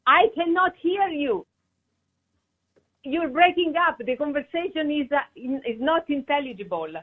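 A woman who is being prank-called argues on the phone, insistently repeating her demands in a firm manner. She speaks at a normal speed in a high, expressive voice. The call audio is tinny and clipped.

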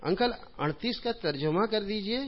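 A man's voice: sits high, lively intonation. A man giving an informal religious talk in a mosque, telling humorous anecdotes in a chatty way and chuckling at his own jokes. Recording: dull lo-fi recording.

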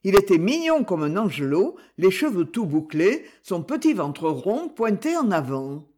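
Woman audiobook narrator, expressive lively pitch, measured delivery. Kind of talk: scripted narration.

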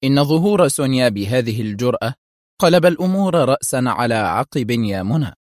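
A man's voice: mid-range voice, big pitch swings, fairly quick, darkish tone, dry recording, lightly acted. A man voicing a serious, wry male secret agent with a dry, sometimes mocking manner.

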